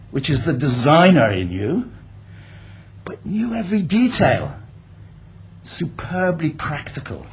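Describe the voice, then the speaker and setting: An older man who grew up in India gives an unscripted speech at a building opening, reflective and pausing often with fillers. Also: fairly high pitch, a little hiss or hum. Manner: reflective, speaks off the cuff with many pauses and fillers. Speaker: guest speaker. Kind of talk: formal speech. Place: event hall at a building opening.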